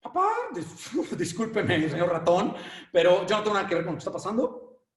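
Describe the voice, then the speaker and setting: A man's voice: sits high, lively intonation, fairly quick. A man with a Mexican accent voicing an indifferent, busy hen who stammers as she brushes off a request. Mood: dismissive. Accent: Mexican Spanish. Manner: dismissive, stammering. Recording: echoey room, mic at a distance.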